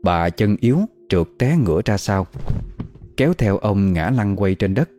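A storyteller reads a scripted horror tale steadily and deliberately in a very deep, dark voice. Soft music plays faintly beneath him.

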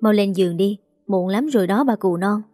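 A gentle, tired young mum, read by a woman storyteller, calm and soothing. The voice is warm and mellow and sits close and dry over faint background music. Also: medium pitch, brisk, no echo, lightly acted.

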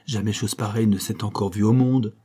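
A man voicing an excitable foreign businessman who speaks in exclamations with an odd accent. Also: on the low side, brisk, husky. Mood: astonished.

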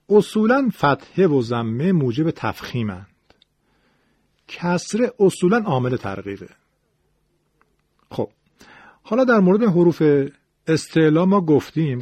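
A man teaching Quran recitation rules, explaining in a measured way and demonstrating how each sound is made. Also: a little high, mellow, breathy edge, dry recording. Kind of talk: classroom lecture on recitation rules.

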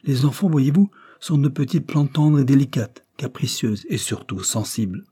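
A man reading the part of a calm, authoritative gentleman lawyer and father in a storybook reading, in a measured, firm manner. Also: medium pitch, husky, voice pushed up.

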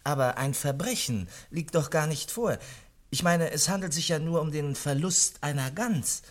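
An actor playing Dr. Watson, a genial, doubting middle-aged doctor, in a 1950s German radio play. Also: male voice, on the high side, normal speed, lightly acted. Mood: skeptical.

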